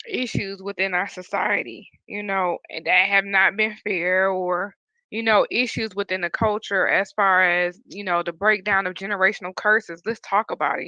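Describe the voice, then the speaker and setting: A woman's voice: medium pitch, bright, forceful tone, no room sound, poor audio. A woman hosting a podcast interview, speaking earnestly and reflectively with frequent "you know". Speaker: podcast host.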